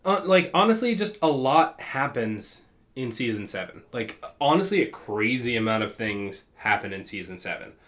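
A man with a mid-pitched voice talks in a casual podcast chat. He is enthusiastic and leans on fillers as he goes. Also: very animated, normal speed, fairly bright tone.

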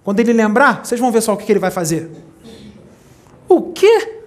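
A spiritual teacher gives a talk to a small group, telling stories animatedly and acting out the voices of the people in them with big jumps in pitch. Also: a little fast. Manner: animated storyteller, acts out quoted voices with big pitch leaps.

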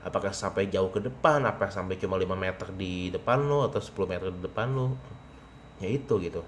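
A man's voice: low voice, fairly quick, a little hiss or hum. Young man rambling casually. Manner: rambling, slangy, thinks aloud with fillers. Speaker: podcast host. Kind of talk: casual podcast chat.

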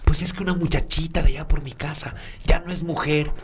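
A man's voice: fairly high pitch, steady tone, a little fast, fairly bright tone, slightly rough, voice pushed up. A man voicing a worried older housekeeper woman, anxiously repeating herself.

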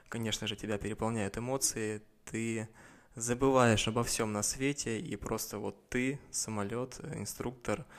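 Measured young man being interviewed as pilot. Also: lowish voice, gravelly, fairly bright tone. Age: 20s. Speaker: airline pilot, interview guest. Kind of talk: interview answers about career.

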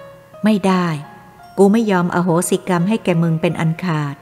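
A snarling male spirit bent on revenge, as a woman narrator puts him on. The voice is low, gruff and threatening. A long reverb trails each word, with faint music underneath. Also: normal speed, a little mellow, natural voice. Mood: menacing. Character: vengeful male spirit of a maimed servant, snarling.

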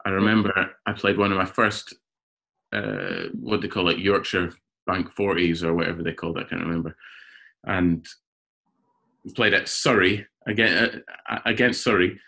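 A man who is a cricketer guest on a podcast, telling animated stories in casual chat and often repeating words as he gets going. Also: low voice, moderate pace, vocal fry. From Scotland.

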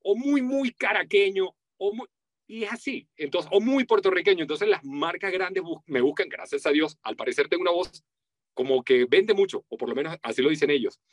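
A man's voice: brisk, no echo. A man with a Venezuelan accent, a voice-over artist talking animatedly in an interview and acting out the voices he quotes. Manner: animated, acts out quoted voices with big pitch jumps. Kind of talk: casual interview talk.

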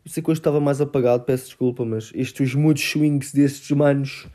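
A man's voice: mid-range voice, fairly even intonation, moderate pace, dark tone. A 19-year-old man with a European Portuguese accent, telling a story in a casual vlog and acting out phone calls. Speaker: vlogger.

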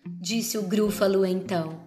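A woman reading a rhyming children's storybook aloud, slowly and expressively. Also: mid-range voice, faint music behind. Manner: slow, expressive rhyming narration.

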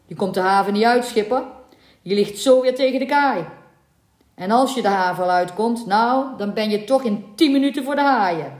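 A woman's voice: on the high side, pitched above the performer's own voice, natural voice. Woman putting on jeering harbour folk. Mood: mocking. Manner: quick, jeering and loud. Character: mocking harbour folk warning the captain. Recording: echoey room.

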